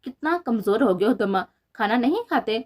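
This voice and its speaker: A woman's voice: on the high side, animated. A woman reading the lines of a middle-aged mother who scolds her son in an indignant way. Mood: fond. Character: middle-aged mother, sharp-tongued and angry.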